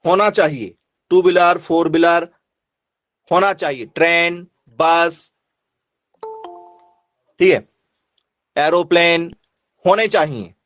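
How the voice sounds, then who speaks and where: A male teacher with a fairly high voice runs an online class, repeating each point and firing questions at his students. His voice is recorded dry and close, with no room echo. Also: slow, pauses often, a bit bright, soft background music. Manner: repetitive, quizzing students, asks for yes or no replies.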